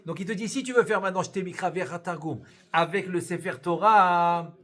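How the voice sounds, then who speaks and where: A man teaching a live Torah lesson as a rabbi, animated, repeating key words and answering his own questions. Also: sits high, moderate pace.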